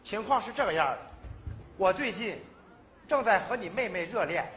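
A man performing a live comedy sketch on stage, pleading and excitable, shouting his punchlines. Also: high-pitched, normal speed. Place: stage before a live audience. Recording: noisy live stage with audience laughter. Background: audience laughter and hall noise.

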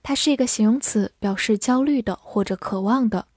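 A woman teaching English vocabulary, who spells out words and reads example sentences slowly for learners to repeat. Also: fairly high pitch, darkish tone, no room sound, studio quality. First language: Chinese. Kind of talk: vocabulary lesson narration.

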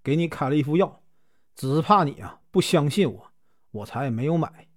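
Man doing a scheming young wife, coaxing, soft, lively pitch, storytelling. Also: normal speed. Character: scheming young woman poisoning her husband.

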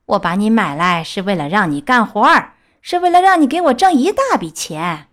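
A woman's voice: medium pitch, big pitch swings, moderate pace, a bit bright. A woman voicing a bad-tempered, greedy circus master who scolds sarcastically, in a children's storybook reading. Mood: mocking.

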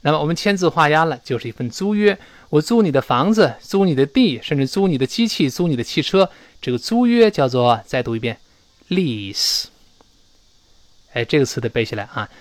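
A Chinese man teaching an English pronunciation lesson in Mandarin, drawing English words out slowly to model them. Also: a little high, very animated, dry recording. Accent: Mandarin-speaking teacher.

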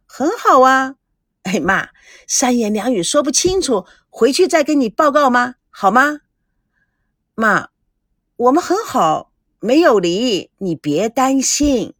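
A jealous young wife in a radio story needles with lively, rising questions, as a woman narrator plays her. The voice sits high and a little breathy. The recording is close and dry. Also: takes it slowly, no echo, heavily acted. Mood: reassuring. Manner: teasing, needling.

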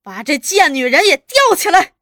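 A woman voicing a scheming, cruel male officer who mocks and threatens, barking orders loudly. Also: a little high, animated, measured pace, dry recording, clean studio sound. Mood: menacing. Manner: mocking, threatening, loud barked orders.

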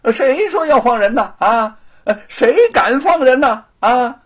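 A man voicing an arrogant young male noble who sneers and shouts threats. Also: very high voice, expressive, a little slow, husky, voice pushed up, exaggerated voice. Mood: menacing.

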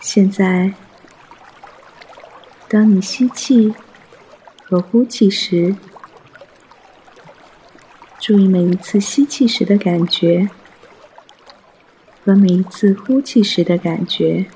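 A man guiding a mindfulness meditation in a soft, hushed, breathy voice, gentle and soothing, with long pauses. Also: high voice, slight background noise. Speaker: meditation guide.

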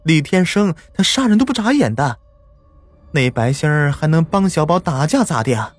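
A man's voice: fairly high pitch, sing-song, normal speed, no room sound, soft background music, pitched above the performer's own voice. Fretful village mother, voiced by a man. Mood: anxious. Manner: fretful, urgent.

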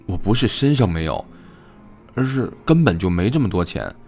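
A man's voice: low-pitched, big pitch swings, normal speed, darkish tone, soft background music. A man voicing an earnest young man who sounds hesitant and embarrassed.

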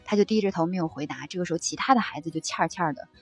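A woman reading passages from a book aloud and reflecting on them in a gentle, conversational way, with soft fillers between thoughts. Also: fairly low pitch, very fast, husky, soft background music. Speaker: book-sharing presenter.

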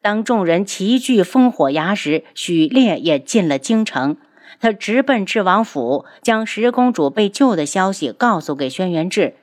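A woman narrating a serialized audiobook in an even storytelling delivery. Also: medium pitch, measured pace.

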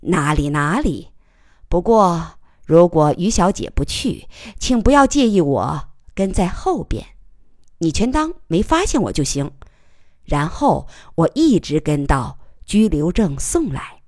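Woman reading a calm, wry plainclothes cop. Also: on the low side, unhurried, no echo, clean studio sound. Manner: even-tempered, wry. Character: calm, smooth-talking young plainclothes policeman.

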